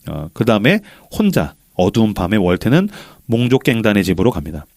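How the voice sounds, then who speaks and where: A man's voice: on the low side, fairly quick, no room sound, studio quality. A man hosting a faith podcast, animatedly retelling a film scene by scene and acting out the quotes. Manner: animated storyteller, acts out quotes. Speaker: podcast host.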